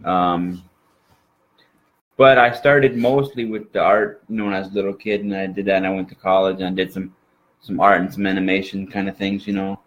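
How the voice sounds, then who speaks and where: A man's voice: deep voice, steady tone, brisk, lo-fi sound, a little hiss or hum. A man from Minnesota with an exaggerated Minnesota accent, chatting as an interview guest in a folksy, rambling way. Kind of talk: casual interview chat.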